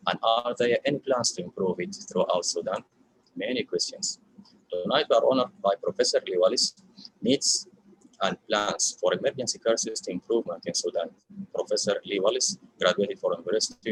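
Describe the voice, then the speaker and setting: Deep husky man moderating an online lecture. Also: rough recording. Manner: formal, halting with fillers. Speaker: event moderator. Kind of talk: formal introduction. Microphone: video call.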